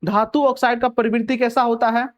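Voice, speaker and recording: A man's voice: very high voice, flat delivery, fairly quick. A young male teacher teaching chemistry. He asks a question, answers it himself, repeats the key words and keeps checking that the students understand. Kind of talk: chemistry lesson.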